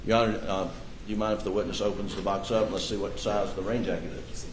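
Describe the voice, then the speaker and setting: A man's voice: fairly low pitch, level tone, quick pace. Man cross-examining in an echoey courtroom recording. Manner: pointed leading questions. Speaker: defense attorney. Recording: echoey courtroom feed, faint hiss.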